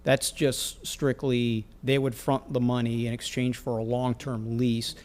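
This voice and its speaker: A man's voice: medium pitch, level tone, a little slow, a little mellow. A male city staff member answering council questions at a meeting, explanatory and hedging with fillers, in a council chamber.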